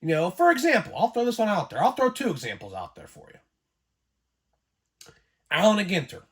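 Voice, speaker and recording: A man with a cold hosts a laid-back sports card vlog, coughing here and there between his thoughts. His delivery is rambling and excitable, padded with fillers, and his pitch swings widely from high to low. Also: fairly quick, husky. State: getting over a cold, coughing. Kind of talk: casual vlog commentary.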